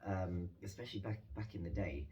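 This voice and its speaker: Rambling londoner, lowish voice, mic far off. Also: male voice, a little fast, dull audio, crowd noise. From London, England. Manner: rambling, self-interrupting. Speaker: co-host. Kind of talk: casual chat. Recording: distant from the mic.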